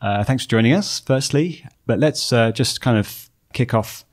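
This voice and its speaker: A man's voice: medium pitch, moderate pace. A man hosting a casual podcast chat, hesitant with many fillers. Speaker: podcast host.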